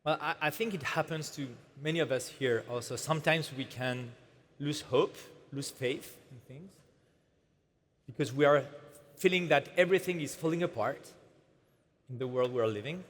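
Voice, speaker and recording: Halting male moderator in a reverberant hall. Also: on the high side. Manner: halting, with fillers and restarts. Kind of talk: hesitant stage interview. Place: conference hall stage.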